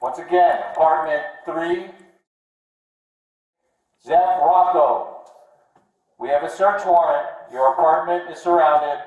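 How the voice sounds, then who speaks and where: A man's firm, commanding voice booms through a megaphone as he repeats orders outside a building. The amplified sound bounces with heavy echo and reaches the mic from far off. His pitch sits a little high. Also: slow pace, long pauses, phone-quality sound. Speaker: police officer. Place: outdoors outside an apartment building. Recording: echoey megaphone heard from afar.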